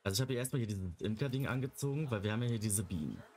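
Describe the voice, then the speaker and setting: A young man with a fairly low voice talks his way through a life-simulation game. He chats along casually and slips into cooing baby talk for the animals and characters on screen. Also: expressive, racing, darkish tone, slight background noise. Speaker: Let's Play gamer. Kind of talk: casual gameplay commentary.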